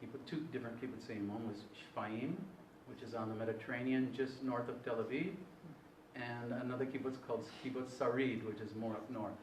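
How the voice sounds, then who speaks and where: At a panel in an event hall, a man in his sixties recounts his life story in a mid-range, steady voice at a brisk pace. He rambles, hesitates, and frequently corrects himself. He sounds far from the mic in a roomy, echoing space with faint noise underneath.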